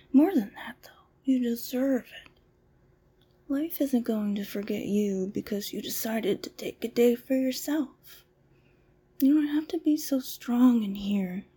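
Slow breathy whispering woman. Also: on the high side. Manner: soft, soothing, mostly whispered. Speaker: ASMR roleplay masseuse. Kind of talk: ASMR roleplay.

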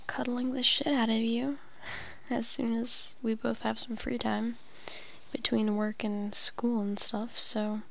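A young woman leaving a rambling late-night voicemail, often whispering softly and filling pauses with ums. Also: a little high, vocal fry, no room sound. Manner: soft whispering, rambling with many fillers. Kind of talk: casual, intimate phone message.

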